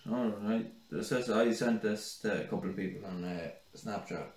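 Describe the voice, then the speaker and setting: A man's voice: on the low side, moderate pace, darkish tone. A man co-hosting a casual podcast, teasing his co-host, swearing and laughing as he reads out listeners' icks. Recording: echoey room, set back from the mic.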